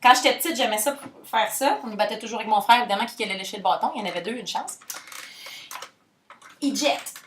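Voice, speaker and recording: Woman, Québécois accent, high voice, playful sing-song cooking vlog, echoey room, loud mixer noise. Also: fast, recorded from a distance. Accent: Québécois French. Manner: playful, sing-song, jokey, mixes English words. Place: home kitchen. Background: electric hand mixer whirring.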